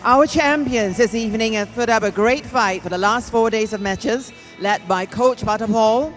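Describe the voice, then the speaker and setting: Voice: medium pitch, fairly bright tone. An arena announcer presents the champions in a formal, declamatory style, stretching out the key words. Faint music plays underneath. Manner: declamatory, drawn-out delivery. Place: indoor arena.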